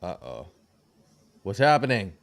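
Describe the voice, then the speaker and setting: A man's voice: lowish voice, wildly swooping pitch, measured pace. A young man hosting a casual livestream, laid-back and slangy, often trailing off mid-sentence. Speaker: livestream host.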